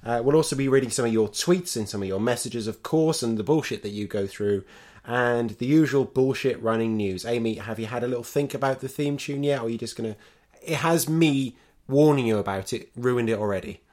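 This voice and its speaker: A man's voice: mid-range voice, a little fast, darkish tone. A man hosting a podcast with a dry, sardonic humor. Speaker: podcast host. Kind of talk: casual chat.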